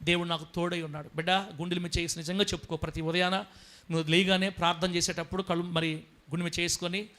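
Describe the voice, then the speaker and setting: A man's voice: high voice, flat delivery, fast, sharp tone. A man who is a pastor, preaching a fervent sermon and calling the congregation to answer him. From southern India. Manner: fervent, calls to the congregation for amens.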